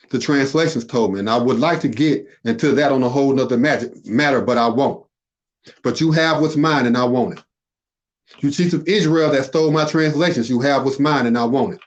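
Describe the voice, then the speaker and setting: A man, a podcast guest, delivering an impassioned religious warning full of rhetorical questions and emphatic repetition. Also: medium pitch. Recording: dull lo-fi audio.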